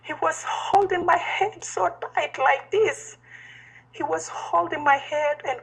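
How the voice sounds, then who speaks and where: A woman being interviewed, recounting events in halting speech with many repeats and restarts. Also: extremely high pitch, gravelly, low-quality recording.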